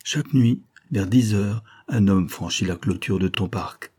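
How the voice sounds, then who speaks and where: A man reading a novel aloud, voicing a sly, mocking nobleman who speaks calmly and sneers. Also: fairly low pitch, unhurried, slightly rough. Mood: cold. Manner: cool and sneering.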